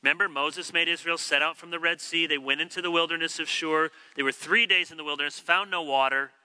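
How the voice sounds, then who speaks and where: A man delivers an expository sermon in a teacherly way, slipping into the voices of the complaining people he quotes. His voice sits a bit high and sounds very bright and forceful. A long hall reverb trails after his words. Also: fairly even intonation, fast talker, clean tone. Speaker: preacher.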